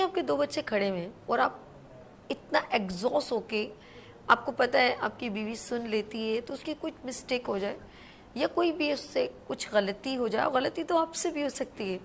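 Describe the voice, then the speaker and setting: A woman hosting a studio talk show from Pakistan, speaking in an emphatic, preachy way that builds to forceful warnings. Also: on the high side, vocal fry, slight background noise. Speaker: morning show host.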